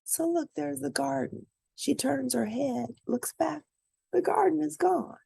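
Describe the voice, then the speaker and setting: Reading a children's picture book aloud, a woman tells the story expressively for young listeners. Her voice sits high and sounds gravelly. She's animated and stops now and then to point out the pictures.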